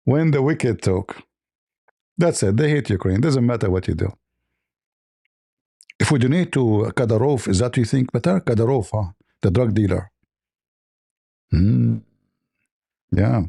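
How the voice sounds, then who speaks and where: A man's voice: medium pitch, animated, measured pace, gravelly, pauses often, dark tone, slightly rough. A man hosting a livestream, giving mocking, sarcastic commentary and repeating phrases for emphasis. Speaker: livestream host.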